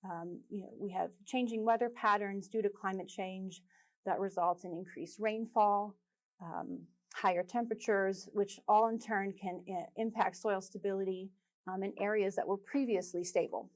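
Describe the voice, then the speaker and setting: A woman gives a technical conference presentation in an easygoing tone. She leans on small fillers between phrases and slips in the odd playful joke. Her voice sits at an ordinary middle pitch for a woman. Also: normal speed. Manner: filler-heavy, relaxed, with light jokes.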